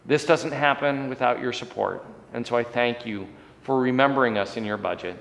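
Here the voice is medium in pitch, creaky and a bit bright, moving at a normal speed. It belongs to a male pastor in his forties whose sermon and prayer carry earnest emphasis that rises and falls. Recorded indoors in the church sanctuary by a fixed camera at chest height, it rings with long church hall reverb.

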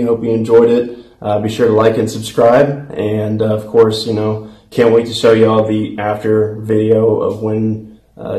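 This is an American man in his twenties touring empty apartment rooms for his vlog, speaking informally and easygoingly into a phone held out at arm's length. He has a fairly low voice with a dark tone.

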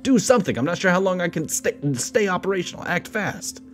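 A man's voice: high-pitched, very animated, brisk, soft background music, voice pushed up. A man voicing a malfunctioning shipboard computer assistant that is glitching and pleading for repair. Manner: pleading and urgent. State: glitching, reporting system errors. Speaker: game player reading the game's text aloud. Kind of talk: let's play narration.

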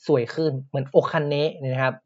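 A man teaching Japanese words in a podcast lesson, explaining patiently and repeating each word slowly. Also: medium pitch, flat delivery, darkish tone, dull audio.

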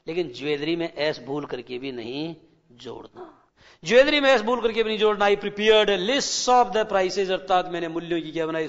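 A man teaching English as a televised classroom lecture, addressing children and asking them rhetorical questions, reading English phrases slowly before explaining them. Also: fairly high pitch, fairly bright tone. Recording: dull lo-fi broadcast with long reverb.

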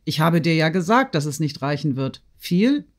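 A man's voice: a little high, very animated, normal speed. Brief: male reader as a jovial old nobleman, audiobook character. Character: cheerful old count, a doting father.

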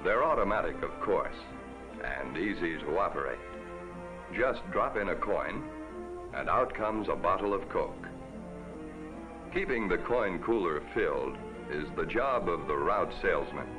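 A man narrating a 1950s TV commercial as a folksy, upbeat pitchman. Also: expressive, measured pace. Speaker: commercial announcer. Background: music.

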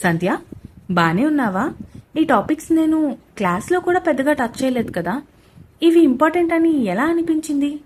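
A man's voice: extremely high pitch, big pitch swings, normal speed, long pauses, slight background noise, pitched above the performer's own voice. A woman voicing a young male tutor who is also a teasing husband, with a dry manner.

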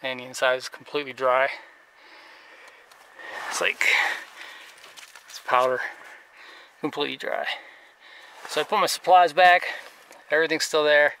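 A man's voice: fairly high pitch, a little slow, pauses often, pushed and bright, a little hiss or hum, poor audio. A man narrating casually to camera while hiking through a forest and checking a shelter, thinking aloud with many fillers. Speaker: outdoor vlogger. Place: outdoors in a forest and inside a tarp shelter.

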